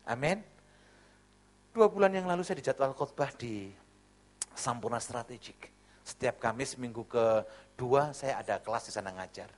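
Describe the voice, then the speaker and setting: A man's voice: mid-range voice, moderate pace. A middle-aged man from Java, a pastor preaching a sermon with jokes and acted-out voices. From Java, Indonesia. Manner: lively, joking storyteller, acts out voices.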